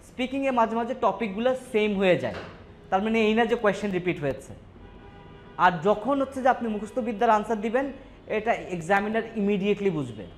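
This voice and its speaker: A male teacher from Bangladesh lectures a class and keeps pausing to ask if everyone has understood. His voice sits fairly high. Faint background noise runs under the recording. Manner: rhetorical check-ins with students. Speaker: English teacher.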